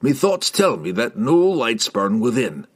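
A man voicing a gruff, stern dwarf in an audiobook, grumbling and sarcastic, with old-fashioned dialect speech. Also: mid-range voice, big pitch swings, measured pace. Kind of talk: audiobook character voice.

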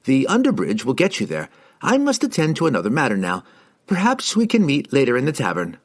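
A man voicing an excitable, fussy male wizard who gives eager, rambling explanations in an audiobook. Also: medium pitch, a little fast, pitched above the performer's own voice.

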